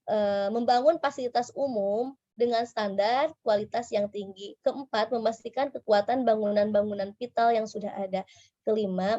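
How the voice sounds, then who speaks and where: A woman presenting points in an informal, explanatory way, halting at times and posing questions to herself as she goes. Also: fairly high pitch, dark tone, no echo. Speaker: talk show speaker. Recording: dull, muffled lo-fi audio.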